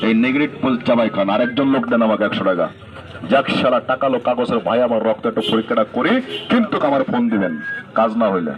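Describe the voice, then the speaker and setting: A man's voice: medium pitch, muffled recording. A man with a colloquial Bangladeshi accent selling medicine on the street in insistent, repetitive barker-style patter. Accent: Bangladeshi colloquial Bengali.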